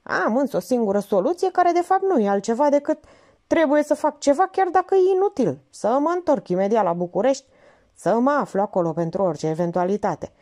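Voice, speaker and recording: A woman's voice: a little high, lively intonation, mellow, pitched above the performer's own voice, close to an everyday voice. Woman reading as a worried middle-aged architect. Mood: resigned. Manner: earnest, a little fatalistic.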